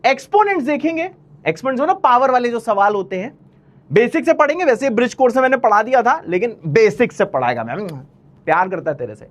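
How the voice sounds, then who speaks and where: Lively, teasing male maths teacher. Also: very high voice, quick pace. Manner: teasing, chatty, pushy encouragement. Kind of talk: online maths lecture, motivational pep talk.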